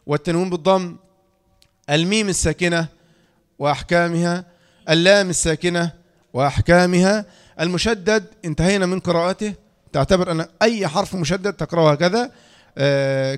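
A man's voice: on the high side, smooth. Egyptian man teaching letter pronunciation. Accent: Egyptian Arabic. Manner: demonstrates letter sounds, asks students questions. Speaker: Quran recitation teacher. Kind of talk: lecture on tajweed pronunciation.

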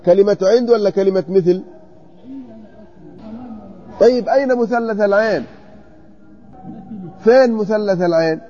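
A man teaching grammar in a classroom, questioning students and repeating word forms slowly. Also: high voice, mellow, lo-fi sound, faint music behind. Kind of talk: classroom text study.

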